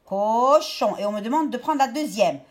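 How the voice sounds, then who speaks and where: A woman teacher talking young pupils through a worksheet step by step, stretching out each word slowly. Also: on the high side, lively intonation, warm tone. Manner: slow, step-by-step, drawn-out words for young pupils. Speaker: primary school teacher. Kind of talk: remote lesson explaining a worksheet.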